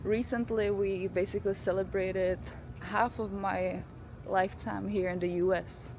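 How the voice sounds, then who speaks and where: Woman, thirties, Czech accent, mid-pitched voice, talking right at the viewer, outdoor vlog with crickets and cars behind. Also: steady tone, measured pace. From Czech Republic. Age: 30s. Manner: emphatic, addresses the viewer directly. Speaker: vlogger. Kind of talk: motivational talk to camera. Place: outdoors in a neighborhood after rain, walking a dog. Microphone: self-filming camera with face tracking. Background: crickets, insects and traffic.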